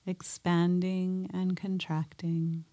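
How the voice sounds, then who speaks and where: A woman guiding a mindfulness meditation in a soft, gentle way, pausing often between phrases. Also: lowish voice, little pitch movement. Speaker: meditation teacher.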